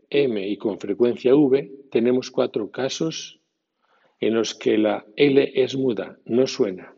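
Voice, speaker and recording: A man teaching English pronunciation in a recorded lesson, spelling out letters slowly and deliberately. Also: lowish voice, a little mellow, breathy edge. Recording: dull lo-fi recording with long reverb.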